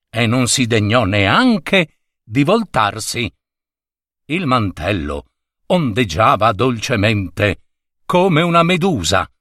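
A man reads a children's story at an unhurried pace, with a lively, animated melody. His delivery is expressive and the sound is dry and close. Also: mid-range voice, no room sound.

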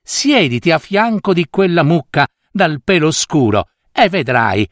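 A man's voice: a little high, sing-song, unhurried, no echo, clean studio sound, voice pushed up. A man voicing a tiny magical woman, kindly but stern, calling out breathlessly. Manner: breathless, pleading calls.

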